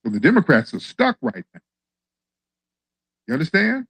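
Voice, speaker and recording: Excitable male livestream host. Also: normal speed, slightly rough, dry recording. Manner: excitable, shoots up in pitch when teasing callers. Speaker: livestream show host taking callers. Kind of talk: casual chat.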